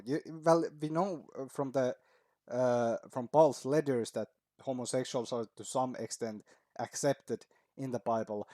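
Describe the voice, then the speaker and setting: A man in casual reaction mode, talking at a medium pitch and sprinkling in swear words and chuckles. His voice is recorded close and dry, with no room sound around it. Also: a little mellow, no room sound. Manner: casual, swears often, laughs at his own points. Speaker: reaction video host.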